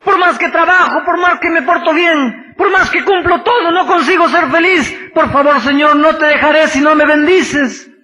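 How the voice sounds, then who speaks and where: Desperate pleading Jacob, loud and tearful, high and sharp-edged, as a preacher puts him on; echoey hall. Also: male voice, moderate pace, few pauses. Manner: loud, pleading, near shouting.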